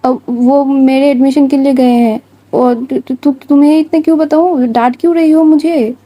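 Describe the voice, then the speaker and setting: A woman's voice: high voice, fairly even intonation, normal speed, warm tone, dry recording, close to an everyday voice, rough recording. Woman voicing a cheeky, defiant young woman. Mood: sulky. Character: headstrong carefree young woman Vidhi.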